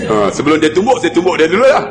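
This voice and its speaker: A man's voice: fairly high pitch, racing. A male preacher telling a story in a sermon, acting out the voices of the people in it. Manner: animated storytelling, acts out voices. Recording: hall reverb under loud music.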